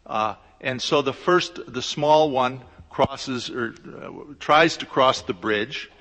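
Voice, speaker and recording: A man, a law lecturer, giving a conference presentation in a hesitant, explanatory way with frequent pauses. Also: mid-range voice, a bit bright. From United States. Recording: echoey hall with long reverb.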